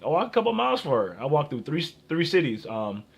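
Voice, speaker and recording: Halting young American man giving relationship advice. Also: a little high, very animated, creaky, slightly rough. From Minnesota, United States. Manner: halting, often breaks off and repeats phrases. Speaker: dating advice vlogger. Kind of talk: rambling off-the-cuff advice and personal anecdotes.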